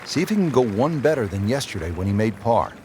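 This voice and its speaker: A man playing a TV golf play-by-play announcer in a video game, with a measured broadcast delivery. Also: lowish voice, sing-song, darkish tone. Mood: measured, attentive. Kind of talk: video game sports commentary. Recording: crowd and outdoor noise behind. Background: crowd ambience, outdoor noise.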